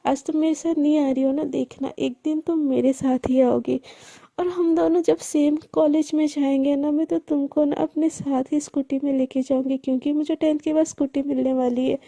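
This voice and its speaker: A woman's voice: high voice, fairly even intonation, normal speed, creaky, mellow, no room sound. A woman voicing a clingy, possessive teenage schoolgirl who talks in a pleading, manipulative way. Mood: gloating.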